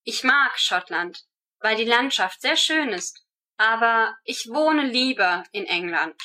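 A woman giving rehearsed answers to German speaking-exam questions in a steady, measured way. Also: a little high.

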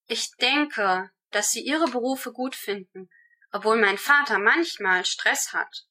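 A woman giving rehearsed answers to German speaking-exam questions in a steady, measured way. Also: on the high side.

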